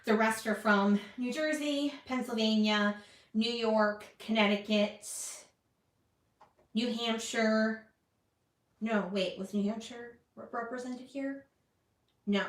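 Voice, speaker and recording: A woman's voice: a little high, fairly even intonation, slow pace, pauses often, reverberant, recorded from a distance. A woman vlogging casually while she makes a scrapbook page, rambling and self-deprecating as she talks. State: hiccuping. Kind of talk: casual chat while crafting.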